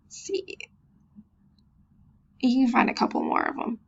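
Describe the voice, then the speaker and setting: A woman's voice: fairly high pitch, big pitch swings, fast, gravelly, slightly rough, lo-fi sound. A woman teacher giving a virtual classroom lesson, patiently sounding words out and making chatty, self-deprecating asides. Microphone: computer mic.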